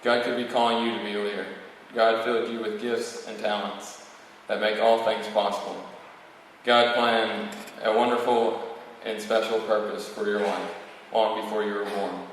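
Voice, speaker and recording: Young male student, low even voice, formal graduation podium speech, recorded from afar in a reverberant hall. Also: normal speed. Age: young adult, about eighteen. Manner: reading a prepared text, with occasional stumbles. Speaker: valedictorian student speaker. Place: large reverberant room, speaking to an audience. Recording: very echoey hall, distant mic, faint noise.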